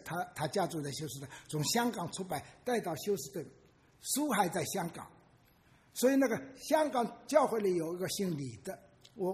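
Elderly man in his eighties, pastor's sermon, high gravelly voice, lively pitch, reverberant church hall. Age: 80s. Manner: animated storyteller who asks the congregation questions.

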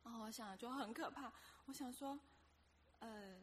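A woman sharing a testimony at church in a casual, lively storytelling way, acting out the voices of the people in her story. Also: on the high side, normal speed, a little hiss or hum.

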